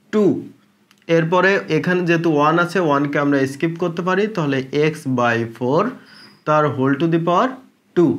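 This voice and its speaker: A man with a Bangladeshi Bengali accent teaching a step-by-step math lesson, drawing out terms and asking rhetorical questions as he works. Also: on the high side.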